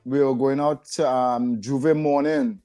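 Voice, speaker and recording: An older man from San Fernando in south Trinidad, speaking with a Trinidadian accent, appears as a podcast guest; he's a retired rehabilitation director. He reminisces casually in a mid-range, mellow voice at a measured pace with fairly even intonation. He chuckles often as he tells his stories.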